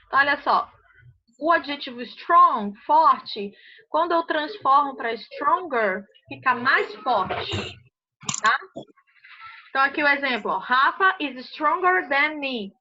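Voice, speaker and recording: A Brazilian Portuguese woman explains grammar rules to a class, pausing often to ask if everyone understood. Her voice sits high. The recording sounds muffled and lo-fi. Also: expressive. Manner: patient, checks understanding often. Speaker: English teacher. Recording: muffled lo-fi audio.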